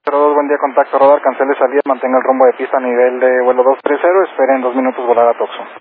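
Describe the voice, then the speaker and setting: A man's voice: medium pitch, little pitch movement, racing. A man working as an air traffic controller, issuing procedural instructions over aviation radio. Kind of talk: procedural approach radio communication. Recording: narrow air-band radio, faint static.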